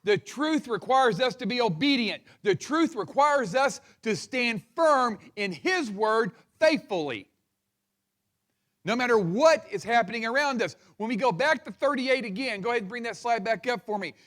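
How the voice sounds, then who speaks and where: A male pastor preaching a sermon with fired-up, passionate delivery. He calls on the congregation to repeat words after him, and his voice sits high for a man. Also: lively intonation, moderate pace, a bit bright. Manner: passionate, fired-up preaching with crowd call-and-response.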